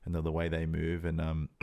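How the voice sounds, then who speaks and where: A man's voice: a bass voice, moderate pace, a little mellow. A young Australian man in his twenties chatting casually on a podcast, rambling with lots of fillers and swearing. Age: 20s. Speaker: podcast co-host, rugby league player. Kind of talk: casual chat.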